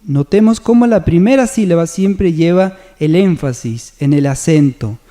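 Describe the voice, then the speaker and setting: A man presenting a church music seminar, calmly explaining hymn meter in a measured, scripted way. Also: on the high side. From Argentina. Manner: calm, measured explanation with sung hymn examples. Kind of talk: scripted teaching on radio.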